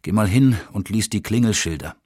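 A man reading the part of a desperate, grim, overweight middle-aged father in an audiobook, in a husky, tense and pleading voice. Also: lowish voice, animated, brisk, darkish tone, dry recording, clean studio sound.

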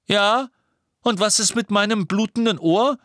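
A man voicing a cheeky teenage boy wizard who jokes loudly. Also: sits high, slow pace, no echo, studio quality, pitched above the performer's own voice, exaggerated voice. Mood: mocking.

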